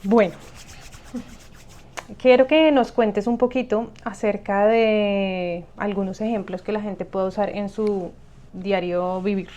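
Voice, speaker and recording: A woman hosting an interview, asking questions warmly and affirming her guest. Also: mid-range voice, fairly even intonation, slow pace, dull audio. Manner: encouraging, short affirmations. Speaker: podcast host and coach. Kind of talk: conversational interview.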